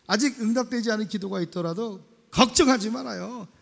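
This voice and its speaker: A man preaching a sermon as pastor, animated and acting out dialogue in a loud, lively way. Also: sits high, fairly quick, gravelly, in a large hall.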